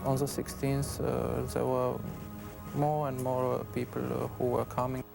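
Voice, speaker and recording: A man, speaking haltingly as an eyewitness, full of pauses. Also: mid-range voice, completely flat delivery, creaky. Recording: interview with loud music under it.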